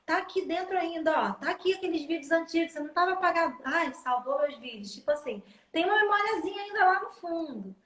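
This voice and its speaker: A woman's voice: very high-pitched, animated, quick pace, hardly any pauses, fairly bright tone, roomy sound. A woman and mother chatting casually and comparing memory to everyday things. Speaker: mother, conversation partner. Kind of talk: casual chat.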